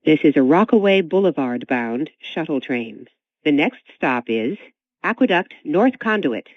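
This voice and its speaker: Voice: medium pitch, expressive, dry recording. Train speaker announcement after a chime. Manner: measured, evenly paced announcing. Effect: onboard train loudspeaker announcement after a chime. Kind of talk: recorded transit announcements. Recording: tinny, dry speaker sound.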